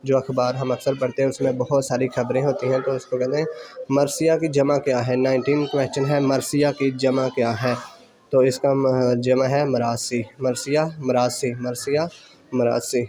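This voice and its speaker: A male tutor works through multiple-choice exam questions, repeating every answer two or three times in a flat, level voice. His pitch sits in an ordinary middle range. A faint hiss of noise runs behind him. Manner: repeats each question and answer slowly for dictation; mixes English exam terms into his speech. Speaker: exam prep teacher. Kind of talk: quiz answer lesson.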